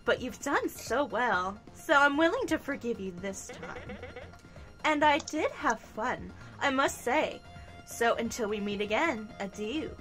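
A woman's voice: a little high, lively intonation, measured pace, a bit bright, faint music behind. A woman reading the lines of a smug, scheming female game villain, mocking and theatrical. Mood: condescending. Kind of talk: reading game dialogue aloud.

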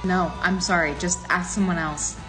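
Woman acting put-upon teen girl over loud music. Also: lowish voice, steady tone, normal speed, roomy sound, natural voice, poor audio. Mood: apologetic. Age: young adult. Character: reluctant, put-upon eighteen-year-old girl. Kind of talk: short social-media skit acting.

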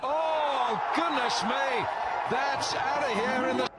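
A man giving excitable live cricket commentary, breaking into exclamations. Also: very high-pitched, slow. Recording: broadcast clip over loud crowd and noise.

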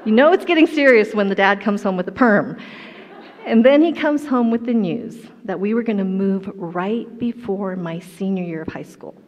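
A middle-aged woman from Colorado, USA, speaks as a guest speaker on the stage of a large indoor hall, giving a personal testimony with a storyteller's manner and self-deprecating humor. Her voice sits at medium pitch and moves at a moderate pace. The recording sounds dull and echoey, with slight background noise.

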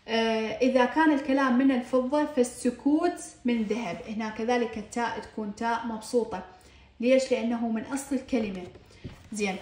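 A woman's voice: a little high, darkish tone, reverberant. A woman teacher with an Iraqi accent explaining exercises patiently, asking herself why and repeating words with each vowel ending. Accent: Iraqi Arabic. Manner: asks "why?" then answers herself. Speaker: Arabic teacher.

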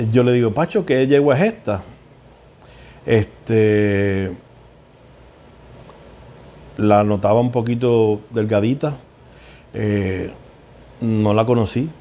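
Middle-aged man, horse vet, interview anecdotes; mellow, warm tone, heartfelt, stumbling repeats. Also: fairly low pitch, steady tone, takes it slowly, pauses often. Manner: heartfelt, repeats words as he searches for them. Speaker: equine veterinarian. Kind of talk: emotional interview storytelling.

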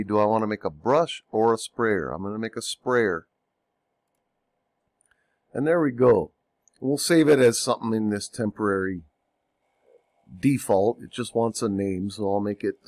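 A software tutorial instructor who is getting over a cold narrates a screen-recorded tutorial at an unhurried pace. His voice is on the low side, and he thinks aloud with ums and self-corrections, with no room sound in the recording.

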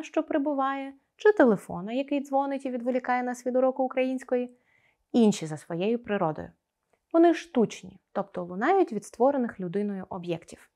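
A woman teacher giving a scripted video lesson, explaining clearly and pronouncing sounds with careful articulation. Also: a little high. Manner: expressive, explaining to pupils.

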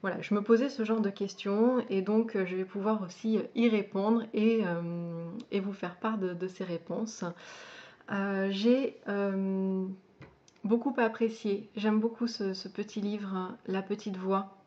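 A woman in mid pitch hosts a relaxed book presentation video. She talks in a halting, unscripted way, often pausing on fillers and restarting her sentences. The recording sounds dull and somewhat lo-fi. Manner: hesitant, many fillers and restarts. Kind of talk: casual spoken book presentation.

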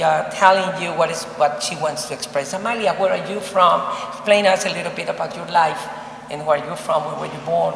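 A woman's voice: fairly low pitch, vocal fry, slight background noise. An older woman curator, introducing an interview with formal, phrasing. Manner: formal, with non-native phrasing. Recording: echoey gallery with a long tail.

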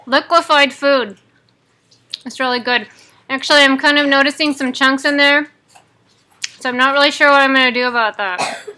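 High, bright woman talking through clenched teeth. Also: steady tone, fairly quick. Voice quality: speaking through clenched teeth, jaw wired shut. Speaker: vlogger. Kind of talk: casual tutorial chat. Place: small home living room, indoors. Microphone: webcam at close range.

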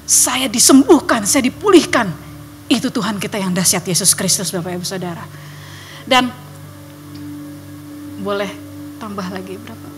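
A young woman evangelist giving a lively testimony to a church congregation, acting out voices and sounds as she tells her story. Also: mid-range voice, normal speed, pauses often, soft background music. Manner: animated storytelling, acts out voices and sound effects. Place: church hall.

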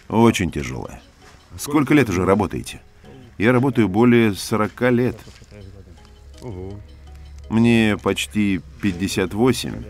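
A man voicing a documentary interview, asking and answering in a plain conversational way. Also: lowish voice. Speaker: interviewer and voice-over narrator.

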